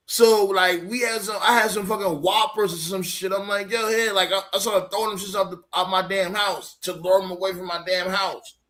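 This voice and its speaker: Animated, profane storytelling man. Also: high voice, normal speed. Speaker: podcast co-host. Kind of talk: casual chat.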